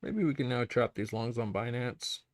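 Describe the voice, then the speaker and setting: A man's voice: medium pitch, moderate pace, dry recording. A man hosting a trading livestream, rambling through chart commentary while thinking aloud, with plenty of fillers and restarts.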